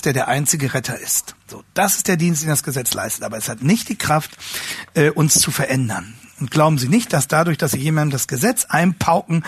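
A man teaching a class on how to preach, earnest and restating his words as he searches for phrasing, rising higher and louder when he stresses a point. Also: breathy edge, no room sound. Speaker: homiletics teacher. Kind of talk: lecture on preaching.

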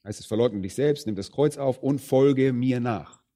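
A man preaching a sermon, addressing the congregation directly. He stresses some phrases loudly and drops others low and quiet. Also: moderate pace. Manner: emphatic, swings between loud stresses and quiet low phrases.

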